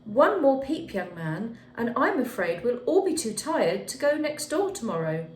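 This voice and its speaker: A woman's voice: on the high side, very animated, unhurried. A woman voicing a firm, weary father admonishing his young son in a storybook. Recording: echoey room with faint background noise.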